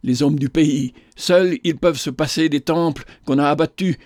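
A man's voice: fairly high pitch, moderate pace, a little mellow, dry recording, studio quality, close to an everyday voice. A man reading an audiobook and voicing a fervent, indignant young woman in a passionate, declamatory way. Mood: fervent indignation.

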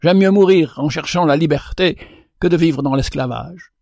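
A man's voice: on the high side, moderate pace, creaky, a little mellow, no echo, studio quality. A man reading a storybook, voicing a wild young male goldfinch who pleads for freedom. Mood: impassioned. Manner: pleading, impassioned.

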